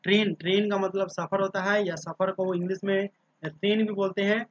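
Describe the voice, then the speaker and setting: High-voiced man teaching English words. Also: little pitch movement, normal speed, no room sound. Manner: drills words by spelling them out letter by letter; repetitive, checks in with listeners often. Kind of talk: casual spoken lesson. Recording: dull, dry lo-fi sound.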